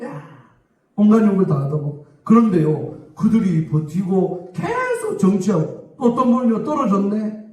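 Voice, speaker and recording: Casting: high-voiced pastor, mellow tone, echoey church hall, distant mic. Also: male voice. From South Korea. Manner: emphatic, repeatedly asking the congregation for amens. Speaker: senior pastor. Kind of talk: sermon. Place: church sanctuary.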